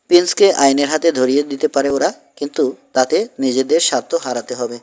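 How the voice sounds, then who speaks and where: A man narrating a western story for an audiobook, with steady, measured storytelling. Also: medium pitch. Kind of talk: scripted narration.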